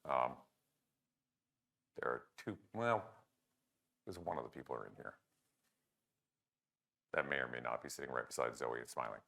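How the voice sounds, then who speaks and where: An older man giving a conference talk, lively and jokey, acting out the remarks of others and poking fun at himself. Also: rumbling low, moderate pace, creaky, pauses often. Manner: animated, jokey, self-deprecating, acts out quoted remarks. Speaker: conference speaker.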